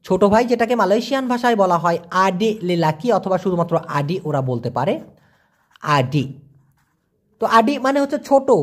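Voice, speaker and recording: Lively man teaching vocabulary. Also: high voice. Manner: repeats each word slowly, chatty asides. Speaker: language teacher. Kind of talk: casual vocabulary lesson.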